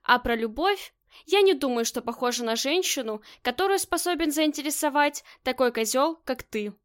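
A woman's voice: sits high, expressive, moderate pace. A woman voicing a cold, commanding female crime boss in an audiobook, curt and scornful.

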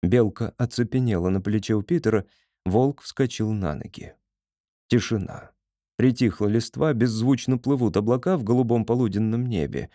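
A man narrating an audiobook with expressive storytelling. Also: on the low side, moderate pace, no echo, clean studio sound.

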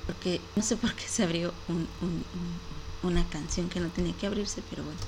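A woman's voice: on the low side, fairly even intonation, brisk, background noise. A young woman hosting a casual online show, chatting and giggling to her viewers with a lot of "este" filler. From Mexico. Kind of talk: casual live-stream chat.

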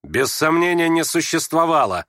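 A sharp-tongued young man snaps and scolds in lively, rising bursts, as a male reader voices him. The sound is close and dry. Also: fairly high pitch, moderate pace, no room sound, voice pushed up. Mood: angry. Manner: scornful, snapping.

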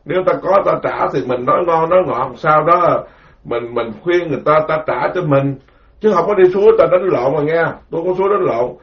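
A man, a Buddhist monk, giving a rambling, animated dharma talk full of stories. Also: fairly high pitch, a little fast. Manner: rambling, animated storytelling with quoted voices. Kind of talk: informal spoken sermon. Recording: dull lo-fi recording.

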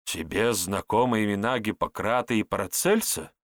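A man voicing a nervous, evasive male herbalist who is secretly a disguised priest, speaking in hurried, flustered replies. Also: lowish voice, dry recording, clean studio sound, natural voice. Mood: eager.

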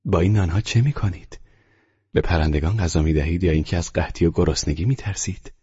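A man voicing a guarded, wry young woman with a husky, raised voice in a dull, lo-fi audiobook recording. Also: low-pitched, warm tone.

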